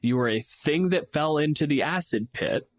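A slightly high-voiced man with lively intonation talks at normal speed, recorded cleanly in a studio with no room sound. He co-hosts a podcast, works as a game master, and bluntly argues his opinions with plenty of profanity in casual debate.

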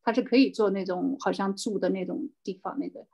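A woman's voice: medium pitch, fairly even intonation, fairly quick, creaky, mellow. A woman teaching a language class over a video call, patiently correcting pronunciation and explaining words step by step. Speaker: Spanish teacher.

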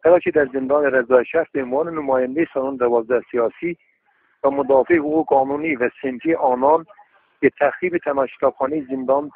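A man's recorded voice message comes through a thin, tinny phone line. He is a prisoner reading a prepared statement, formal and steady, working through one item after another. His pitch sits in an ordinary middle range. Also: creaky. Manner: formal, steady, list-like delivery. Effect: voice message recorded over a phone line.

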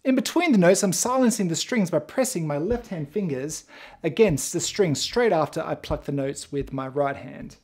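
Lively, mellow-voiced woman teaching bass. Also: moderate pace. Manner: clear, encouraging step-by-step explaining. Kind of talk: instrument tutorial.

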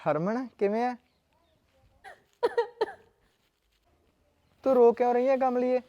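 An actor playing a calm elder brother who reassures his upset sister and plays down the quarrel. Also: very high voice, fast, dry recording, lo-fi sound. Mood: reassuring. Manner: reassuring, placating. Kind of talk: film drama dialogue.

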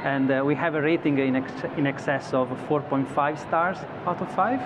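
On a broadcast studio set out on a convention floor, an executive in his thirties gives an interview in a fairly high male voice at normal speed. He is thoughtful, often starting sentences over and using fillers. Background noise is clear, and the audio sounds slightly dull.

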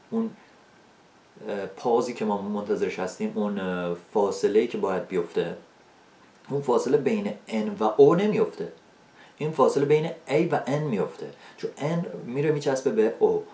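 A man with Persian as his first language teaching an English video lesson, asking rhetorical questions and slowing down for spoken examples. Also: lowish voice, dark tone, reverberant.

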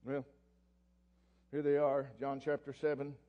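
A Southern US man preaching a fiery sermon as pastor, swinging from loud ranting to quiet scripture reading. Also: medium pitch, completely flat delivery, a little slow, lo-fi sound. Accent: Oklahoma Southern US. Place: church sanctuary. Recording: long church hall reverb.

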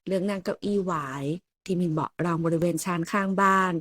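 A woman narrating a romance audiobook in an even storytelling manner. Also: on the low side, fairly quick, no echo, clean studio sound.

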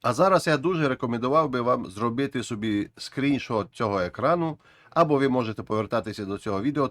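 Guy teaching english grammar, patient, mid pitch, dry close sound. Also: no room sound. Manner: patient, repeats and restarts while explaining. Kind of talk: explaining a grammar lesson.

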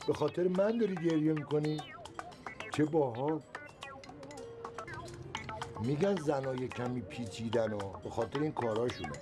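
An actor playing a touchy, boastful middle-aged father who grumbles and takes offence quickly, in a comedy film. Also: on the high side, music in the background, natural voice. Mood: teasing. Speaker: father of the household.

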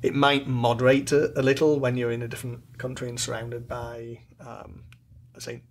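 A middle-aged British man from England, answering interview questions in a thoughtful, measured way with fillers. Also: mid-range voice, little pitch movement. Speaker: interview guest, loudspeaker designer. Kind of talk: relaxed conversational interview.

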